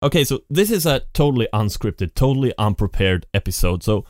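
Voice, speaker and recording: Very animated and brisk, a podcast host with a medium-pitched, slightly mellow voice rambles through an unscripted solo monologue, often restarting and repeating "and". He records at home at his computer on a studio podcast mic with effects; the sound is dry and clean.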